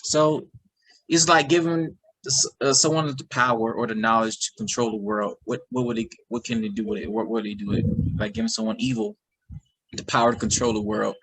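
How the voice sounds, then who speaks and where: Gravelly man hosting a podcast. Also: medium pitch, expressive, a little fast, a bit bright, poor audio. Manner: eager, loose and rambling, restarts questions. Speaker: podcast host. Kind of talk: podcast interview.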